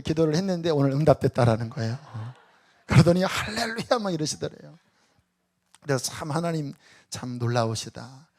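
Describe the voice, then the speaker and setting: A man's voice: on the high side, brisk, dark tone. A man preaching a Sunday sermon as pastor, asking rhetorical questions and telling stories. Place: church sanctuary.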